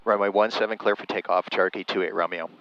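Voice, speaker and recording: A low-pitched man makes air traffic control radio calls as a pilot. He speaks in measured, procedural readbacks and callouts, with clear aircraft noise in the cockpit recording. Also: fairly even intonation, dull audio. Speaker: pilot, video host. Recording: noisy aircraft cockpit audio.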